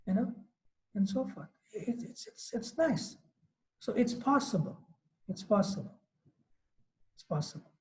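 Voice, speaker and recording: Man about sixty, high voice, chatty spiritual class full of "you know"s. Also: a little mellow, poor audio. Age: 50s. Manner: loose, conversational, frequent "you know". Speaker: swami giving a class. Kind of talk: devotional lecture. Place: Mauritius.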